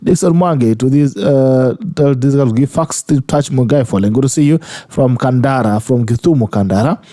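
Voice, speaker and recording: A man's voice: medium pitch, moderate pace, mellow, no echo, studio quality. A man with a Kenyan accent hosting a radio talk show, addressing listeners directly as he presents and reads out their comments. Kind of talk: call-in show chat, reading out listener comments.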